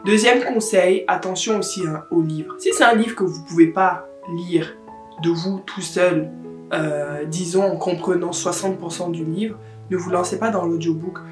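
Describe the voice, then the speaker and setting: A woman's voice: fairly low pitch, measured pace, darkish tone. Woman vlogger chatting away about books, mixes in english words, echoey room, little guitar music underneath. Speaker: book vlogger. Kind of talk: casual chat to camera. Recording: roomy echo with faint guitar music.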